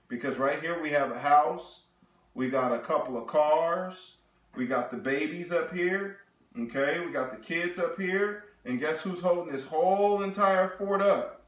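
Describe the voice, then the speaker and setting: A man in his thirties giving a sales seminar presentation, animated and talking straight to the audience with frequent check-ins. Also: fairly high pitch. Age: 30s. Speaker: financial presenter. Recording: echoey room.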